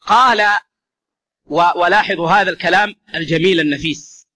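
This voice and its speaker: A man's voice: high voice, moderate pace, sharp tone. A man giving an explanatory religious lesson, addressing listeners as brothers and repeating key phrases for emphasis. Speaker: religious teacher.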